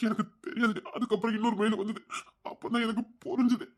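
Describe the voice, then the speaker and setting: A man's voice: high-pitched, little pitch movement, quick pace. An actor playing a remorseful young husband with a Tirunelveli Tamil accent, who pleads with his wife and keeps repeating his apologies. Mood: pleading. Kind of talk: TV serial acting.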